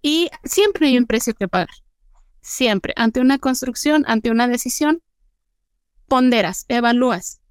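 High-voiced woman, clear and close. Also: expressive, a little slow, no room sound. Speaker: podcast co-host. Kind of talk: reflective casual chat.

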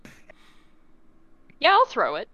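A woman's voice: fairly high pitch, wildly swooping pitch, takes it slowly, sharp tone, no echo, dull audio. A woman chatting casually as a player in a tabletop game.

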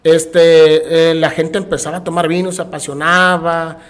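A man's voice: fairly high pitch, moderate pace. A man with a Mexican Spanish accent, a podcast guest telling stories casually and acting out the voices of people he talks about. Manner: animated, acts out the voices of people in his stories. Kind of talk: casual storytelling interview.

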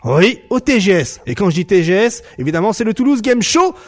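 A young man from France runs a casual fighting-game news stream. His voice sits a little high, and he talks in an animated, jokey way. He keeps breaking his sentences with fillers and restarts. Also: brisk.

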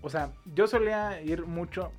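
A man's voice: high-pitched, unhurried, dull audio, faint music behind. A young man with a Mexican Spanish accent, joking and firing questions at his friends in a casual chat.

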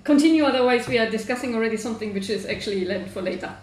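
A woman's voice: a little high, expressive, rapid-fire. A woman co-hosting a casual podcast from a kitchen, chiming in with short remarks while eating. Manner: brief interjections, talking while eating. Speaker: podcast co-host. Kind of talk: casual chat. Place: home kitchen. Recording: echoey kitchen with faint background noise.

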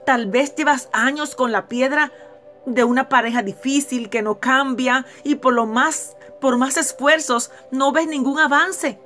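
High-voiced woman hosting a devotional show, earnest and direct, music faint behind. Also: steady tone, unhurried, fairly bright tone. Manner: earnest, direct address to listeners. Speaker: host of a devotional program. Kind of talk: devotional reading and preaching.

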